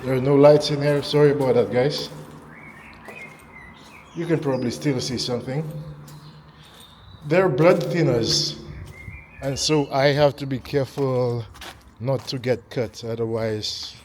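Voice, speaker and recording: A man vlogging while he walks through a neighborhood at night, talking in a slow, halting way and repeating words as he goes. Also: medium pitch, steady tone, a little mellow, a little hiss or hum. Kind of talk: casual walking vlog talk. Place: outdoors on a neighborhood street at night. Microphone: handheld camera mic while walking.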